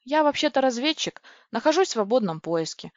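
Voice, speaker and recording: A woman's voice: high voice, sing-song, a little fast, no room sound, pitched above the performer's own voice. A woman reading a storybook voices a male crocodile-spider alien scout who speaks courteously, formally and precisely. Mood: polite. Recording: dry, dull lo-fi recording.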